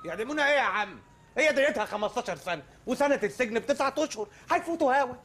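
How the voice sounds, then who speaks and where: Film comedy: Egyptian joker, lively, high and fast. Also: male voice, heavily acted. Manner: wisecracking, flippant. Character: cocky wisecracking young sidekick.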